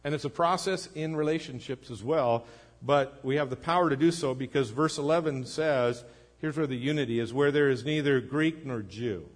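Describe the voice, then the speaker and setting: A man preaching a sermon as pastor, earnest, swinging between emphatic lines and low, quiet ones. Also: moderate pace. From United States.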